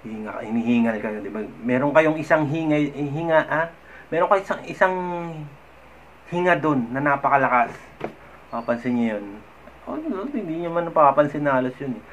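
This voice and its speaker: A man's voice: on the high side, animated, moderate pace. A man, talking casually to camera as a vlogger and giving advice on managing anger. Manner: chatty, often adds "no?" and laughs softly. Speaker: vlogger giving mental health tips. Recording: slightly dull, faint background noise.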